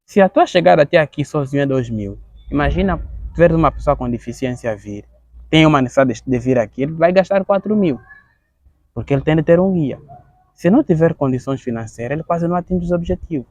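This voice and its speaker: Halting gravelly man with an Angolan accent. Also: on the high side, expressive, a little mellow, no room sound, dull audio. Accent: Angolan Portuguese. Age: 30s. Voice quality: gravelly, halting with frequent word repetitions. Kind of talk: earnest interview testimony.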